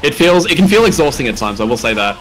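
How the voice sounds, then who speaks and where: A man doing live esports commentary on a fighting game, analytical and quick to exclaim at big plays. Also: mid-range voice, big pitch swings, a bit bright, faint music behind.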